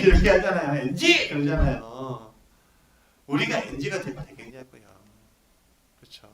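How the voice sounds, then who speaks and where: A male pastor preaching a sermon, animated and full of rhetorical questions to his congregation. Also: on the high side. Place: church hall at a prayer meeting. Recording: echoey church hall, mic at a distance, congregation audible.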